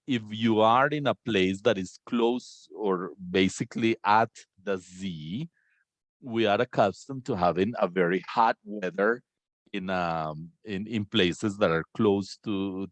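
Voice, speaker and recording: Low-voiced man hosting a talk. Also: no room sound. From Colombia. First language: Spanish. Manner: friendly, filler-heavy, asks questions. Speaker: host of a language conversation session. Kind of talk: moderating a video-call discussion.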